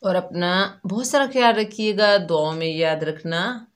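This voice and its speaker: A woman teaching Quran reading step by step, calmly explaining each letter and drawing out the demonstrated syllables. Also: mid-range voice, clear, resonant tone. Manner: patient, drawn-out syllables when demonstrating. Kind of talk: slow step-by-step recitation lesson.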